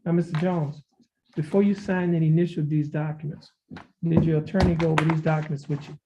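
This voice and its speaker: A male judge conducting a formal plea hearing in a courtroom recording, reading documents aloud in a measured, formal way. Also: fairly high pitch, level tone. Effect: courtroom recording heard over a video call. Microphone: video call. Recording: dull lo-fi courtroom audio with faint hiss.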